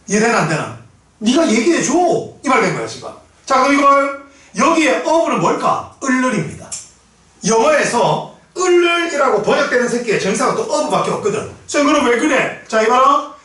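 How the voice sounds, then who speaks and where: A man teaching an English class in a lecture style, blunt and profane, shouting at times and drilling pronunciation. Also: very high-pitched, big pitch swings, moderate pace. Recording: very echoey room from far off.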